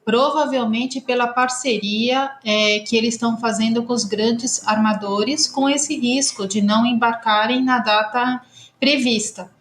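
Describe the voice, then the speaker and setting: Woman going through import logistics steady, lots of little pauses, highish voice, room echo. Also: a little hiss or hum. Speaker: customs consultancy partner. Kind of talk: podcast discussion.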